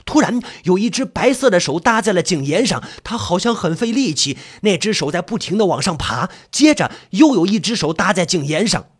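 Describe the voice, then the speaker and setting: Husky man telling a horror story. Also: high voice, big pitch swings, a little fast, few pauses. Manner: dramatic, shifting to panicked cries. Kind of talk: first-person horror story narration.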